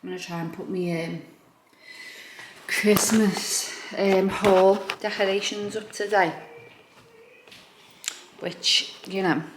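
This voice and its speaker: This home vlogger speaks in a mid-range, steady voice, taking her time and leaving long pauses as she thinks aloud, informal and self-deprecating. The room tour is recorded indoors in a living room, where the audio echoes and picks up background noise.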